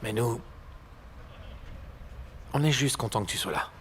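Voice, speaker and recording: An actor playing the purposeful leader of an action team in dubbed film dialogue. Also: male voice, mid-range voice, expressive, unhurried, a bit bright, slight background noise. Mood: calm. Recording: music behind the voice.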